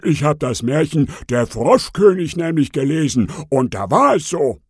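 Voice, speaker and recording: A man's voice: fairly high pitch, sing-song, normal speed, husky, no room sound, clean studio sound, voice pushed up. A man voicing a rude, lazy fat male frog in a storybook parody. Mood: grumpy. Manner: rude, slangy.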